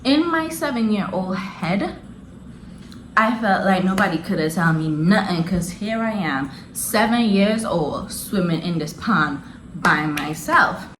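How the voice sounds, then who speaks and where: A young woman tells a story with a lively, swooping pitch, all slang and frequent laughter. Her voice echoes around a roomy space. A faint hiss sits under the recording. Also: unhurried. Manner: animated, slangy, laughing often. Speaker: vlogger. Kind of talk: casual storytelling.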